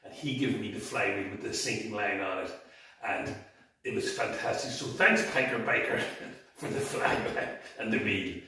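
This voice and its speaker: A man's voice: fairly low pitch, moderate pace, sharp tone. A tired man chatting cheerfully to camera as a fishing vlogger, laughing often. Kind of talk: casual chat to camera. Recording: very echoey, voice from a distance.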